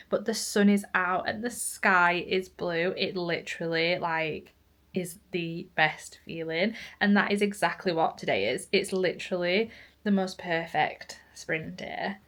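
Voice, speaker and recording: A woman's voice: lowish voice, a bit bright. A young woman chatting casually in a vlog, filling her talk with "like". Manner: chatty, says "like" a lot. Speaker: vlogger.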